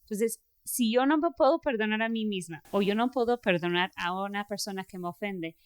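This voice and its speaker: A woman's voice: medium pitch, fairly quick, clear, resonant tone. Chatty woman. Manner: animated storytelling, laughs often, many fillers. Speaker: podcast host. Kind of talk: casual faith conversation.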